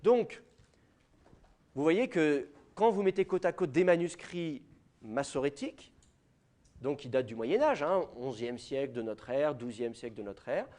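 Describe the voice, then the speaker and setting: A man with a French accent lectures a university class, addressing the students directly and filling pauses with hesitations. His voice sits a little high and swings widely in pitch, animated as he explains. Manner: lively, explanatory, speaks to students directly with many fillers.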